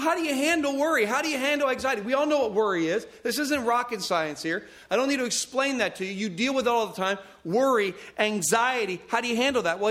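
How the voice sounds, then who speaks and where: A man's voice: very high-pitched, a bit bright. A man preaching a sermon, stressing points through repetition and short bursts of phrases, with light self-aware humor. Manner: emphatic, repeats phrases for stress; self-aware humor about raising his voice. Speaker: pastor.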